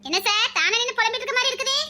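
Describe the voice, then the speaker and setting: A woman's voice: very high voice, racing, sharp tone, exaggerated voice. A woman voicing a reassuring female constable. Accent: Tirunelveli Tamil. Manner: reassuring, obliging. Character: kind female police constable.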